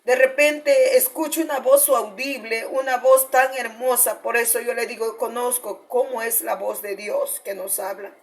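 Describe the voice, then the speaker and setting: A woman's voice: fairly high pitch, fairly even intonation, unhurried, hardly any pauses. A woman pastor giving a fervent sermon testimony, often calling out to the congregation as beloved brothers and sisters.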